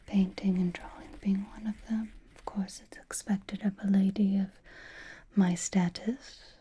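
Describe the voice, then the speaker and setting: Here the same kind of roleplay continues: a woman voicing an ancient, aristocratic vampire lady who whispers with breathy refinement, doting on the listener, possessive and gently teasing. She keeps a level, mid-range tone and an unhurried pace, lightly acted over a slight hiss or hum, sounding soft and attentive.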